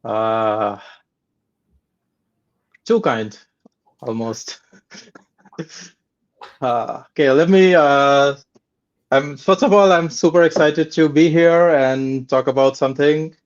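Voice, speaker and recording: A man's voice: medium pitch, slow, long pauses. A man starts his talk over a video call, sounding modest and a bit self-deprecating and using plenty of fillers. The call audio is slightly dull and muffled. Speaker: guest presenter. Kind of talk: casual online presentation.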